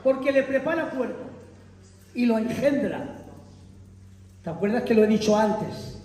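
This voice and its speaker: High-voiced preacher in echoing hall. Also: male voice, measured pace. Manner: animated, emphatic, addresses congregation as brothers. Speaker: visiting preacher. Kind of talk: sermon. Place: large church hall. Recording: echoey hall, mic far off.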